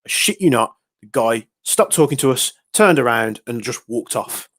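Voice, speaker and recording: A man hosts a casual airsoft talk-show podcast, rambling through stories full of fillers and restarts. His medium-pitched voice is expressive, fairly bright and moderately paced. The recording is dry and studio quality.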